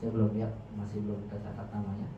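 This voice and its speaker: Fast and monotone, a man with a fairly low voice begins a religious lesson as an Arabic teacher, formally interspersing Arabic prayers with Indonesian. The mosque is echoey, the mic distant, and the sound muffled with background noise.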